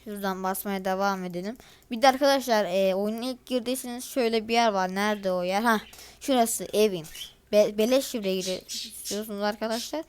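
A teenage girl makes gaming videos, chatting casually over her gameplay, grumbling in exasperation and talking directly to her viewers. Her mid-range voice is clean in tone and a little fast.

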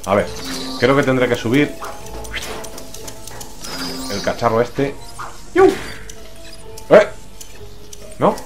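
A man's voice: medium pitch, very animated, takes it slowly, long pauses. A man with a Spain accent giving casual, slangy, exclamatory let's play commentary. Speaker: gamer, let's play host. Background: game music.

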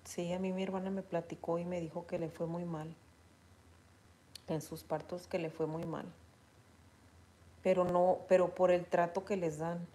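A woman with a Mexican accent chats casually with her viewers, animatedly retelling stories and reading their comments aloud. Her voice is lowish and her pace moderate, with frequent pauses and a little hiss or hum in the background.

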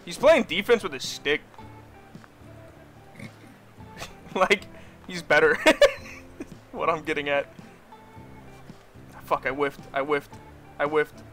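A young man streaming a hockey game with friends, yelling at the game, swearing and laughing as he plays. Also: on the high side, takes it slowly, pauses often, soft background music. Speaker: gaming streamer. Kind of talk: excited gameplay chat.

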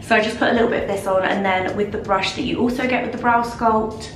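A young adult lifestyle vlogger films her makeup routine in her home bathroom, chatting and gushing with many fillers in a rather high, fairly even voice at a quick pace. She sounds nasal, congested and a bit out of breath. The camera sits a little way off, picking up roomy bathroom echo and background hiss.

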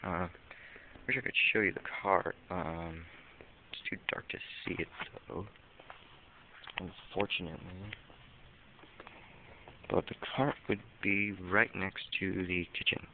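A man casually narrating a walkthrough of a dark empty store, hesitant and full of ums, easily spooked. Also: deep voice, fairly even intonation, slow pace, pauses often. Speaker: vlogger exploring an abandoned store. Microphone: handheld camera mic. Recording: tinny lo-fi camera audio with faint hiss.

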